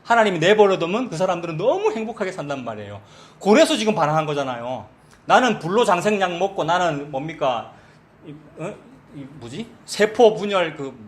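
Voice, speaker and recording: Lively high-voiced man preaching. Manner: lively, conversational preaching with rhetorical questions to the congregation. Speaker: pastor. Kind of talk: sermon.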